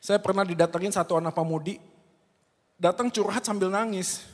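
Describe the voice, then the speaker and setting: High-voiced preacher in a reverberant hall. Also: male voice, fairly quick. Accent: Indonesian. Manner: lively, conversational, mixes in English words. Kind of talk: sermon. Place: large church hall.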